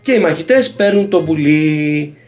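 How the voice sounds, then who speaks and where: A man's voice: fairly high pitch, expressive, darkish tone, faint music behind, pitched above the performer's own voice. A man putting on the voice of a chirpy TV gossip presenter reading out headlines in a singsong, exaggerated way. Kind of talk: mock TV presenting.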